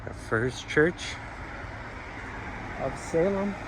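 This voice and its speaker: A man with a fairly high, lively voice talks very slowly as he vlogs about his travels on town streets. Passing cars and outdoor noise run under his casual, rambling chat, which is packed with fillers and restarts.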